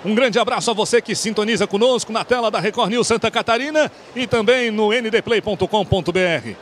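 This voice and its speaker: Male play-by-play boxing commentator, excited and projected, very high pitch, faint arena noise. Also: brisk. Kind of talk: live boxing broadcast commentary.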